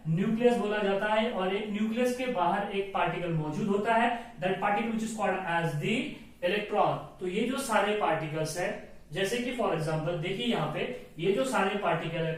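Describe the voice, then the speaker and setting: Man, chemistry teacher, high voice, quizzing and repeating, distant from the mic, very echoey room. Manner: repeats key terms, asks and answers his own questions; mixes in slow, drawn-out English phrases. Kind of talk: classroom lecture.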